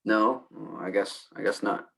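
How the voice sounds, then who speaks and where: A man's voice: on the low side, fairly even intonation, unhurried, sharp tone. An actor playing a worried, exasperated male friend who presses with blunt questions in a stage play. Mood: pressing, worried.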